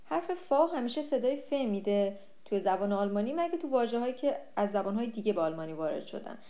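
A young woman teaching a language lesson, explaining pronunciation patiently and slowing down on example words. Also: medium pitch, animated, dark tone.

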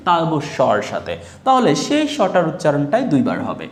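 A man teaches a grammar lesson, breaking words into syllables and asking his students questions as he goes. His voice sits fairly high and moves around a lot. The room is echoey, with a long reverb trailing each phrase. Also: wildly swooping pitch, brisk. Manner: spells words out syllable by syllable, then asks the class questions. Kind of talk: classroom lesson explaining spelling rules.

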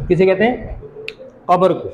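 A man from Pakistan teaching a class, explaining English pronunciation patiently, repeating words slowly and putting questions to the students. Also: high voice, expressive, a little hiss or hum, rough recording. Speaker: college teacher.

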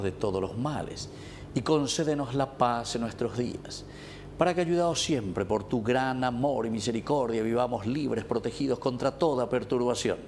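A middle-aged man with a Paraguayan Spanish accent leads Mass in a small indoor chapel, his mid-range voice steady and ceremonial. He stretches out key phrases with solemn weight. A faint background hiss sits under the recording. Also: medium pitch. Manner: solemn, measured, drawn-out phrasing. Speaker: priest. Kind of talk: liturgical recitation at Mass. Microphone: fixed camera at the altar.

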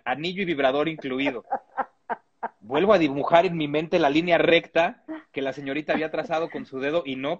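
Husky-voiced man reading aloud. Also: on the high side, dull audio. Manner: lively reading with chuckles and comic asides. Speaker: reader of a humorous text.

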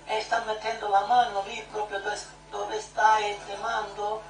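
A woman's voice: mid-range voice, flat delivery, unhurried. Coaxing woman leading a guided prayer. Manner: coaxing, repeats short urgent prompts. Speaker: prayer leader. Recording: echoey room from a distance with music.

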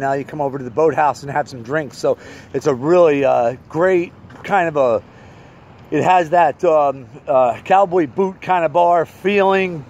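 The recording is muffled and noisy: a man in his forties with a voice on the high side tours a parking lot and the area around a bar outdoors. He reviews local bars in a casual, rambling vlog, thinking aloud into a phone held at arm's length.

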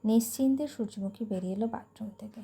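A woman's voice: fairly high pitch, fast, vocal fry, breathy edge. A woman reading a family story aloud, narrating and voicing every character in the dialogue herself. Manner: voices all characters herself, lively dialogue. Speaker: story reader.

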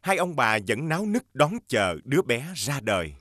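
A man narrating a fairy tale in a measured storytelling manner. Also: mid-range voice, very animated.

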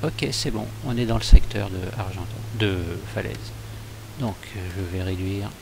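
Male flight-sim streamer, lowish voice, casual self-directed commentary, clear humming noise behind. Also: normal speed. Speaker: flight simulator pilot narrating his flight. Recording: clearly noisy, humming background.

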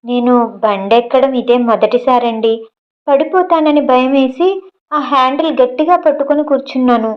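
A shy, gentle young woman with a soft, pleading way of talking, read by a woman narrator. The voice sits fairly high and humble. The recording sounds dull and lo-fi. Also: moderate pace, close to an everyday voice. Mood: frightened. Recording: dull lo-fi audio.

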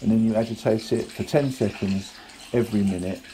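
At the sink in his home kitchen, a photography hobbyist gives a relaxed, plain, and practical how-to demonstration with some fillers. His voice is on the low side and brisk, with a little hiss or hum, while running tap water and loud music play behind him.

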